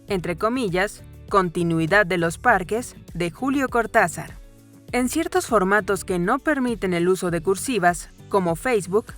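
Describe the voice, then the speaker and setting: A woman reading a scripted grammar lesson in a calm, even voice with clear pauses. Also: mid-range voice. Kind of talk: scripted educational narration. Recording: voice-over with faint background music.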